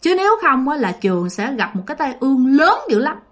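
A woman voicing a strange woman who insistently pleads with a teacher, in a lively, animated voice. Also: high voice, fairly quick. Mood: pleading. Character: strange dazed middle-aged woman at school gate.

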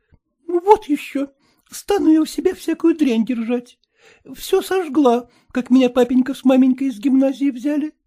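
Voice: high voice, moderate pace, warm tone, close to an everyday voice. A reader voicing a young bride who answers her husband in a haughty, sulky way.

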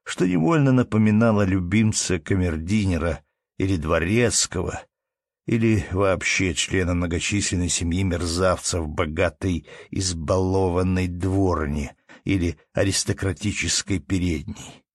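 A man narrates a classic story as an audiobook at a slow, measured pace. His voice is deep. The recording is dry and close, with no room sound. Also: dry recording.

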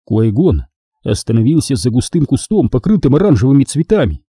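A man narrating an audiobook in an even storytelling manner. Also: mid-range voice, fairly quick, slightly rough, no echo, studio quality.

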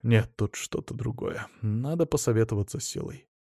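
A man narrating an audiobook in an even, measured reading style. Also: mid-range voice, creaky, dry recording, studio quality. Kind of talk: scripted narration.

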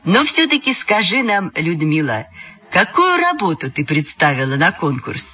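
Pompous nasal schoolboy reporter, self-important, low and husky, put on by a woman. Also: very animated, moderate pace, bright, forceful tone, lo-fi sound, full character voice.

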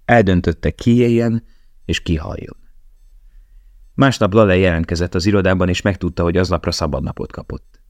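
A man narrating an audiobook in a calm, measured read. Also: deep voice, no echo, studio quality. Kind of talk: scripted narration.

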